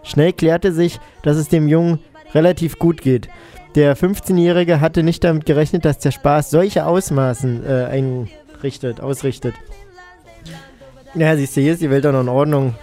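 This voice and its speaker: A man's voice: a little high, fairly even intonation, normal speed, mellow, soft background music. A male radio co-host reading quirky news items and adding dry, ironic remarks. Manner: dry ironic asides after each news item. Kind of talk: casual joking news reading.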